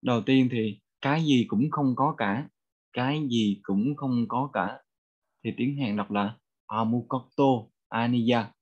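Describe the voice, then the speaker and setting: Vietnamese man teaching phrases, repeating slowly. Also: medium pitch, lo-fi sound. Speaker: language teacher. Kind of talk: bilingual vocabulary lesson.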